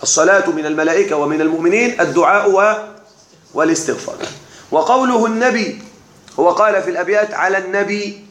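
A man teaching a classical text to a class, slow and deliberate, often checking that his students are following. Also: high-pitched, a bit bright. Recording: echoey room.

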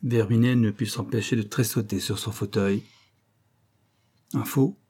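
Un homme qui lit un roman en livre audio, d'une lecture posée et régulière. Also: male voice, on the low side, steady tone, normal speed, dark tone, slightly rough. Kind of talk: audiobook narration.

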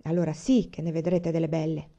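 A stubborn, sullen orphan girl who talks bluntly and plainly, as a woman reading aloud puts her on. The voice sits mellow and warm rather than bright. The recording sounds slightly dull and lo-fi. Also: sits low, little pitch movement, a little fast.

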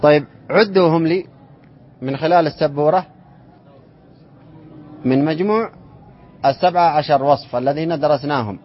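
A man teaching an Islamic inheritance lesson to students, reciting verse lines slowly and then explaining them and quizzing the class. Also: fairly high pitch, a little hiss or hum. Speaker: sheikh teaching inheritance law. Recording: dull lo-fi classroom recording.

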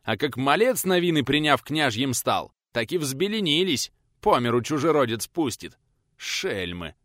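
A man voicing a fierce elderly retired teacher who shouts and scolds in rustic old speech. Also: medium pitch, very animated, a little slow, no room sound, studio quality, voice pushed up. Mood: bitter ranting.

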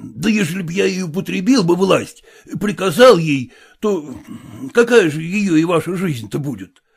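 A man voicing a flustered merchant father, gravelly. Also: high-pitched, lively intonation, normal speed, full character voice. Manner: agitated, pleading, rambling apologies. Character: flustered middle-aged male merchant father.

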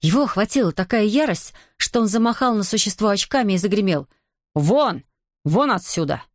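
A woman narrating a fantasy novel aloud with an even, measured storytelling delivery. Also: mid-range voice, no echo, clean studio sound. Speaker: audiobook narrator. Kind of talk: scripted narration.

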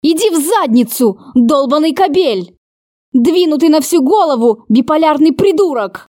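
A woman reading an audiobook voices a quick-tempered young woman hurling heated, high-pitched insults. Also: sing-song, a little mellow, dry recording, clean studio sound. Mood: furious. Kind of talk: audiobook character voicing.

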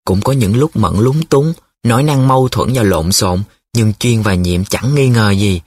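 A man narrating a novel as an audiobook in a steady, even storytelling voice. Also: lowish voice, a little slow, slightly rough, no room sound. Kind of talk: scripted narration.

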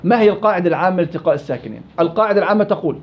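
Guy drilling tajweed with students, high pitched, talks fast. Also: animated. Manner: quizzing students, repeating and drilling examples. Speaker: Quran recitation teacher. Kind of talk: classroom tajweed lesson. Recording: dull lo-fi classroom recording.

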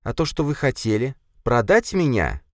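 A man's voice: medium pitch, very animated, moderate pace, no room sound, studio quality, pitched above the performer's own voice, close to an everyday voice. A man voicing a tearful, bitter young noblewoman in an audiobook, reproachful and sniffling. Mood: angry. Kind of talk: audiobook character voice.

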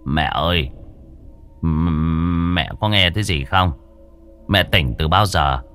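A man's voice: low-pitched, slow, fairly bright tone, faint music behind, heavily acted. A man voicing a frightened older village man who stammers and pleads. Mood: pleading.

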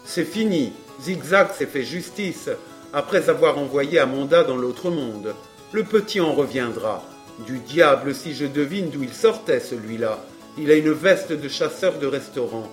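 A man's voice: mid-range voice, expressive, moderate pace, natural voice. A man reading the part of a breezy, wry rogue of a friend, offhand and dry, with faint music behind.

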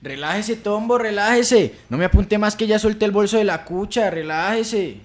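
A man's voice: high-pitched, close to an everyday voice. A man playing a cocky street thief. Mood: placating. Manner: slangy, drawn-out street talk.

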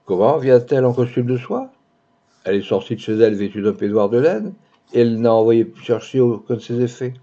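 A man's voice: mid-range voice, a little fast, warm tone, lightly acted. A man voicing a startled, anxious young man in an audiobook, speaking in a questioning way. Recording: dull lo-fi recording.

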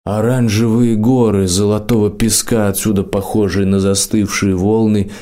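A man narrating a fantasy audiobook in a steady, even reading voice. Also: on the low side, normal speed. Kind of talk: scripted narration.

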